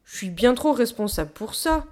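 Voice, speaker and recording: A woman voicing a bossy, blustering female gorilla in a storybook reading, brisk and gruff. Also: on the high side, very animated, darkish tone, pitched above the performer's own voice. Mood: pleased.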